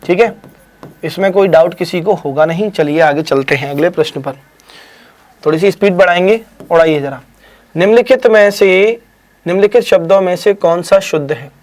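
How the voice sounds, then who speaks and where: A man with a high-pitched voice leads a live online exam quiz. He spells words out slowly and deliberately, then moves on with quick praise and teasing. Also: darkish tone. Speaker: Hindi exam teacher.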